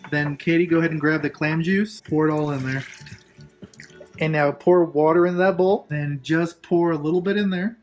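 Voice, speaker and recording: A man with a slightly high voice talks through a cooking demonstration in a laid-back, chatty way. He gives casual instructions and joking asides as host. Kitchen noise is clearly audible behind him. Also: steady tone, moderate pace. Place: kitchen, at the stove and counter.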